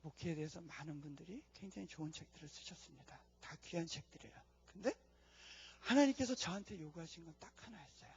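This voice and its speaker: A man's voice: on the high side, fast, gravelly, breathy edge, lo-fi sound. A man who is a missionary, preaching a testimony sermon in an earnest storytelling way. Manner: earnest storytelling, drops to hushed tones for prayers. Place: church conference hall.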